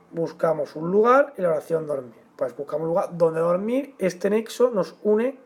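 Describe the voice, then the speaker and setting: A man teaching a grammar lesson, explaining at a measured pace and stressing the example words. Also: a little high, breathy edge.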